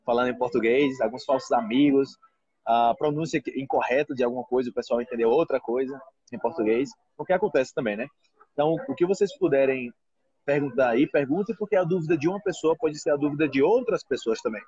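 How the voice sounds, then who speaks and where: A Brazilian man teaching Portuguese on a live stream from a restaurant, chatting in an animated way and acting out other people's voices. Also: medium pitch, fast talker, breathy edge, no room sound, lo-fi sound. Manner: animated, acts out quoted voices. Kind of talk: casual live chat.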